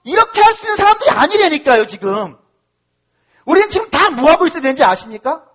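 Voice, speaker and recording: A man's voice: very high voice, big pitch swings, fast talker, fairly bright tone, lo-fi sound. A middle-aged male pastor preaching an impassioned sermon, acting out pleading prayers as he goes.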